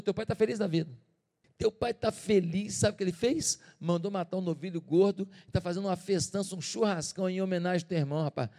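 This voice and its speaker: A male pastor preaching a sermon, telling the story in an animated, dramatic way. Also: sits high. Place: church. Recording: reverberant church hall.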